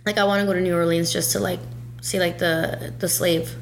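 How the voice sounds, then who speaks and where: A woman's voice: fairly low pitch, flat delivery, fairly quick, vocal fry, slight background noise. A young adult woman chatting casually in slangy, youthful phrasing peppered with "like". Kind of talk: casual chat.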